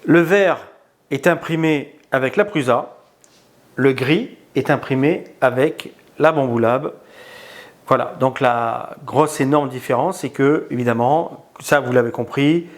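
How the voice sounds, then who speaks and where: A man giving a casual spoken product review, hesitant, with many pauses and filler sounds. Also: on the high side. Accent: non-native in English words.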